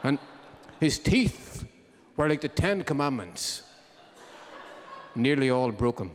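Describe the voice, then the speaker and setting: A man's voice: mid-range voice, very animated, takes it slowly, noisy background. A man, hosting a live music show and telling a comic story to the audience with droll timing. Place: live concert hall. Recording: long hall reverb from a live venue.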